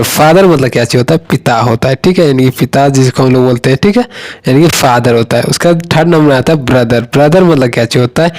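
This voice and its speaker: A man's voice: medium pitch, a little mellow. Guy teaching a vocab lesson, keeps asking what does it mean then answers himself. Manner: explains with repeated rhetorical questions. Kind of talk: online lesson.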